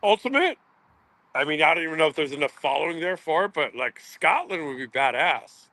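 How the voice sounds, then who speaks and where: Bright, profane man chatting on a podcast. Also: fairly high pitch, fairly quick, no echo. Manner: loose and profane, excitable. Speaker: podcast guest. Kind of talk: casual podcast chat.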